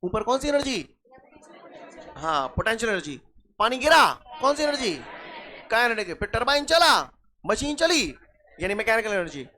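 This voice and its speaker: Lively high-voiced man teaching physics. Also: normal speed, pauses often, slight background noise. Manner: lively, quizzes students with rhetorical questions. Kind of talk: classroom lecture.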